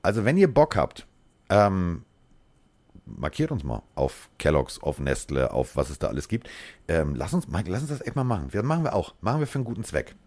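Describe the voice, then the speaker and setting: A man with an extremely low, gravelly voice chats casually on a podcast, lively and excitable in his delivery. His tone is husky and the recording is dry and close. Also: brisk, no room sound. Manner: excited, rambling storyteller, swears casually. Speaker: podcast co-host. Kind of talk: casual chat.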